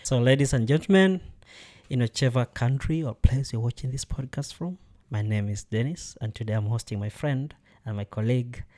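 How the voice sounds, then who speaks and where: A man's voice: medium pitch, moderate pace, warm tone. A man hosting a casual podcast conversation, speaking hesitantly with many fillers and frequent laughs. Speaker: podcast host.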